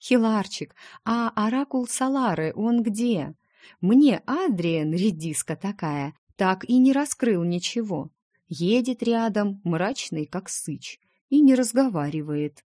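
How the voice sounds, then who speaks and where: A woman's voice: mid-range voice, animated, takes it slowly, warm tone, no echo, studio quality, voice pushed up. A woman reading the part of a chatty, playful young heroine in an audiobook, wheedling her dragon friend.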